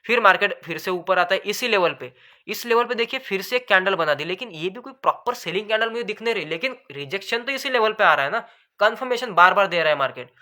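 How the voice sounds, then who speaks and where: A man explaining trading charts in a rapid, nonstop lesson, says his throat goes dry, calls viewers brother. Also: high-pitched, pushed and bright. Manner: fast, talks continuously without pause; addresses viewers as bhai sahab. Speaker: trading educator. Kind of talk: screen-share chart lesson.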